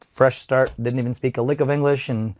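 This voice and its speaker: Fast-talking man, guest in a podcast interview. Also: medium pitch, steady tone, a little mellow, dry recording. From Bosnia. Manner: fast, with many restarts and repeated words. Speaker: podcast guest, event company owner. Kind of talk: casual interview.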